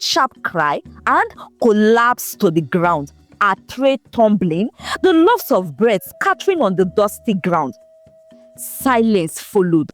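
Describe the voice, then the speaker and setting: In a mid-range voice, a woman narrates a folktale from a script, telling it in an expressive, dramatic style.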